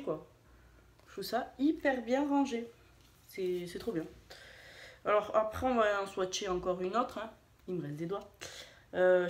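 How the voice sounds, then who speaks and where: A woman chatting casually in a beauty vlog, hesitant, with many fillers and restarts, poking fun at herself. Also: medium pitch. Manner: chatty, self-deprecating. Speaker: beauty vlogger. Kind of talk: casual haul and swatch video. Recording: echoey room.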